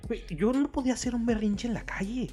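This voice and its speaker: A man with a Mexican accent chatting on a podcast, telling lively stories full of slang and casual swearing. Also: extremely high pitch, fast talker, faint music behind. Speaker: podcast co-host.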